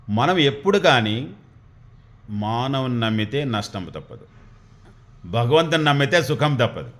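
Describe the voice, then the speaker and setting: A man, telling a devotional story in a folksy, animated way. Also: medium pitch. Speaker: spiritual storyteller.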